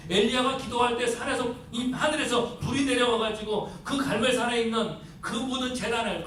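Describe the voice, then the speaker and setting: A male pastor preaching a sermon, rising to emphatic pleas and dropping to a hush. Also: very high-pitched. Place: church sanctuary. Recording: echoey church hall, mic at a distance, faint hiss.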